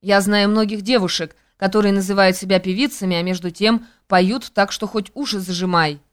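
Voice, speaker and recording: A woman's voice: mid-range voice, fairly even intonation, a little fast, smooth, natural voice. A woman reading an audiobook, voicing a haughty, bored young countess who talks in a careless, mocking way.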